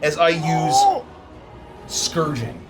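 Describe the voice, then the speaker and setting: A man with a slightly high voice talks casually through his moves as a tabletop game player, with music clearly playing behind him. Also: very animated, very slow.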